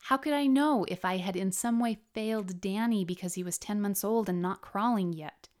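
A woman narrating her own memoir in a scripted audiobook style, with measured, expressive literary phrasing. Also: medium pitch.

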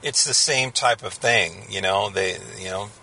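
A man co-hosting a podcast in casual chat, halting and full of fillers. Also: on the low side, gravelly, sharp tone, slight background noise. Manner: hesitant, halting with many fillers. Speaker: podcast co-host.

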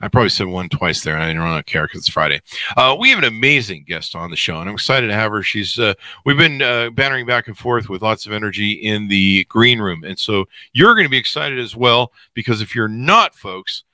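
Man, podcast host, voice giving out, bright and punchy, lively swings, joking, rambling, theatrical. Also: on the low side, fairly quick, no room sound. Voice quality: voice giving out, cracking. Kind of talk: animated off-the-cuff podcast intro.

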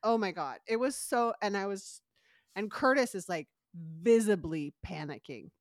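A woman's voice: mid-range voice, unhurried, no room sound, studio quality. A woman with a cold, casually recapping a soap opera on a podcast and acting out the characters as she goes. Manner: animated storytelling, acting out characters' lines. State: has a cold, stuffy. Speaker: podcast co-host.

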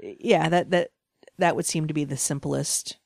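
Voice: medium pitch, steady tone, a little slow, gravelly, a little mellow, no room sound, studio quality. A speaker from Boston co-hosting a casual movie review chat, rambling and hedging, laughing often. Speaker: podcast co-host.

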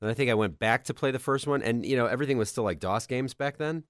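A man co-hosts a casual podcast with a nasal, congested voice, as if under the weather. His pitch is average for a man and the sound is dry and close. He chats in a joking, teasing way. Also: quick pace, dry recording. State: under the weather with a cold, occasional cough. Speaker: podcast co-host. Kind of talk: casual chat about video games.

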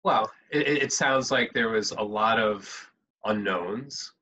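A man's voice: on the low side, takes it slowly, sharp tone, breathy edge, rough recording. A man interviewing a guest, reflecting back on what she has said with hesitant restarts. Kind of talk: interview conversation.

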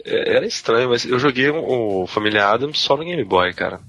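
A man's voice: medium pitch, lively intonation, fairly quick, fairly bright tone, lo-fi sound. A man co-hosting a podcast, chatting casually and with enthusiasm about old games. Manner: enthusiastic, exclamatory. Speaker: podcast co-host. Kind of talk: casual chat.

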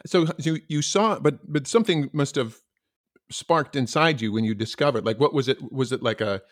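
A man's voice: mid-range voice, moderate pace. A man hosting a podcast, asking questions in a hesitant way full of fillers. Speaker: podcast host. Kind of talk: podcast interview.

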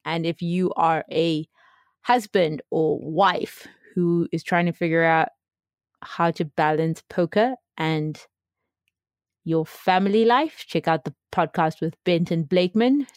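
Young South African woman, casual podcast co-host, lower-pitched, dry close mic. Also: takes it slowly, no room sound. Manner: chatty, laughs often, many fillers.

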